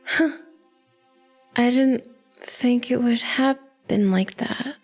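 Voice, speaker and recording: A woman's voice: a little high, drawn-out words, darkish tone, faint music behind, full character voice. A woman playing a scoffing, defiant woman. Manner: scoffing, unafraid. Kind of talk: audio drama acting.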